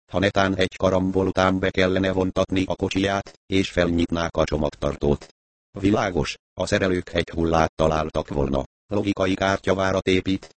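A man narrating a crime novel in steady, even scripted audiobook narration. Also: low voice, no room sound.

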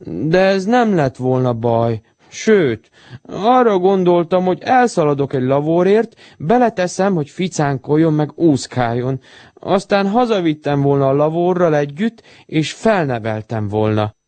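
A man's voice: a little high, lively intonation, a little mellow, no echo, voice pushed up, close to an everyday voice. Man voicing a timid little cub. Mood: wistful.

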